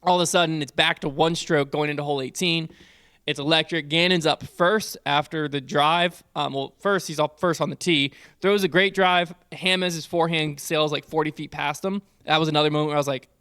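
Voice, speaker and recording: Bright-voiced man chatting on a podcast. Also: a little high, brisk, clear, resonant tone, no room sound, clean studio sound. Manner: animated, rambling with fillers. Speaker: podcast co-host. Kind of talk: casual sports podcast chat. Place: podcast studio. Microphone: studio podcast mic.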